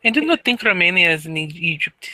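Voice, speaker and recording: A player voices a young, curious female creature with a tail who talks stiffly and formally, never using contractions. The voice is medium-pitched, very animated, fast and sharp in tone. The recording is dry and low quality.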